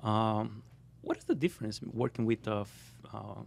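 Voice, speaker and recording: Gravelly-voiced male podcast host. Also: on the low side, moderate pace, darkish tone, slight background noise. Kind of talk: podcast interview. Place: podcast studio.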